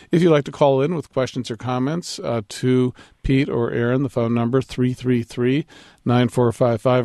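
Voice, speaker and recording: A man hosting a live radio talk show in a smooth radio host manner, introducing guests and taking calls with a steady delivery. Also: medium pitch, dry recording, studio quality. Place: live broadcast from a campus hall.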